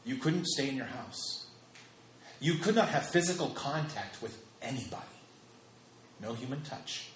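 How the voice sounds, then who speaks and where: Lively, emphatic male preacher. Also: mid-range voice, measured pace, pauses often, a little hiss or hum. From United States. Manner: emphatic, repeats phrases for stress. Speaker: pastor. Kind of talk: sermon. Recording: echoey hall with faint ambience.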